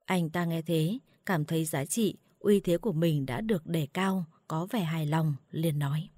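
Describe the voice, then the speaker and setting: Low-voiced woman telling a sad story. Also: moderate pace, warm tone, no echo. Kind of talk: late-night story narration.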